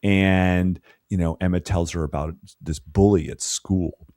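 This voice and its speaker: Deep-voiced man in casual film chat. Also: steady tone, a little slow, a little mellow, dry recording, studio quality. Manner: loose and profane, with many "you know" fillers. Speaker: podcast co-host.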